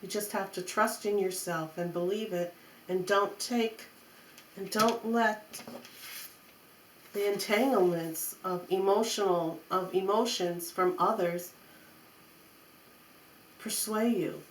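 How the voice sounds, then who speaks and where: A woman's voice: medium pitch, fairly even intonation, takes it slowly, long pauses. Woman giving mystical tarot reading, echoey room. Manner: repeats phrases for emphasis, coaxing and reassuring. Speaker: tarot reader. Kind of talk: mystical tarot horoscope reading, spoken off the cuff. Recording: roomy echo, faint background noise.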